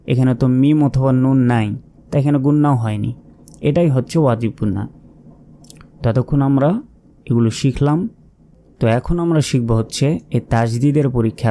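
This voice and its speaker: A man teaching Quran reading in Bengali, slowly spelling out letter by letter and asking his own questions before he answers them. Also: medium pitch, dark tone. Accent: Bangladeshi Bengali. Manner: patient, spells syllables aloud and asks himself questions. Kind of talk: slow spelling-out lesson.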